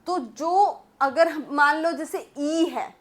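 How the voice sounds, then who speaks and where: A young woman teaching English literature in a patient classroom-style lecture, slowly reading English definitions and explaining them. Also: high-pitched. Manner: explains patiently, calls students "beta", slow English read-outs.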